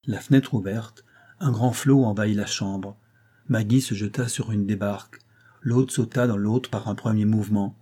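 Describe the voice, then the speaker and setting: A man reading a classic novella aloud in a measured, dramatic storytelling manner. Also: fairly low pitch, steady tone, warm tone, breathy edge. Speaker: narrator.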